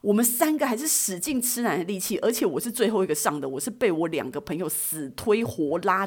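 Lady rambling through a funny story on her podcast, pitch all over the place, a little lower voice. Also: husky. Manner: animated, self-mocking, frequent "you know?" asides. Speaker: podcast host. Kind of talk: casual storytelling monologue.

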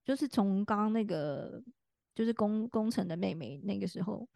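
Gravelly-voiced woman chatting. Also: medium pitch, expressive, normal speed, mellow, no echo, studio quality. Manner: rambling, full of fillers and restarts. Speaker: podcast co-host. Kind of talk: casual chat.

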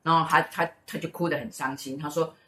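A woman's voice: low-pitched, fairly quick, roomy sound. A middle-aged woman with a Taiwanese Mandarin accent, telling a story in casual chat and acting out the lines of the people in it. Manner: animated storyteller who acts out quoted speech. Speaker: host, mother.

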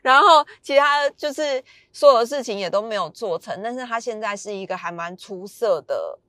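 A woman's voice: fairly high pitch, lively intonation, moderate pace, sharp tone, no room sound, clean studio sound. A woman, casually telling a story as a podcast host, chatty and emphatic. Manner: chatty, retelling a friend's story with rising emphasis.

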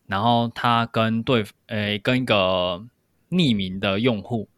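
A man's voice: lowish voice, fairly even intonation, takes it slowly, a bit bright, no echo. A man co-hosting a podcast, explaining things step by step in casual discussion. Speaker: podcast co-host.

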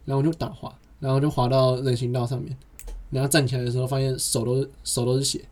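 A man's voice: medium pitch, level tone, fast talker, darkish tone. A young man, chatting casually and telling rambling anecdotes that run on with "and then". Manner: long rambling anecdotes told in a chain of "and then". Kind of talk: casual podcast chat.

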